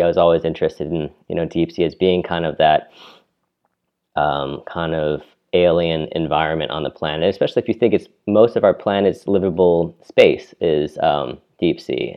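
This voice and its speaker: A man, a shark researcher, answering interview questions in a relaxed way with many fillers. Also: low-pitched, lo-fi sound. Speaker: deep-sea shark researcher.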